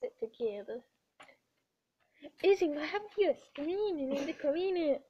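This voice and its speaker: A teenage girl vlogger chats casually with her friend in a school hallway, bossy and giggly, at times dropping to a whisper, in a high, expressive voice at a moderate pace. She's recorded on a close laptop webcam. The webcam audio is dull and lo-fi, with clear background noise.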